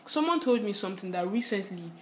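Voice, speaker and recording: A young woman with a Nigerian accent, co-hosting a podcast, speaking in a reflective, gently questioning way. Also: medium pitch, expressive, quick pace, slight background noise. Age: young adult. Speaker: podcast co-host. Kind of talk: casual conversation.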